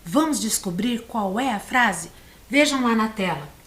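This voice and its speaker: A Brazilian woman teacher giving a video lesson to young children, patient and encouraging, sounding out words slowly. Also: on the high side, expressive, fairly bright tone. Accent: Brazilian Portuguese. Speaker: primary school teacher. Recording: echoey room.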